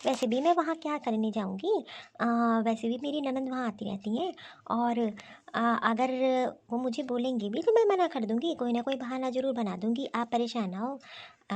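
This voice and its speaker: A woman acts out a selfish young wife from a cartoon story, stubborn and insistent in every line. Her voice is high-pitched yet mellow, with lively intonation at a normal speed. The recording is dry.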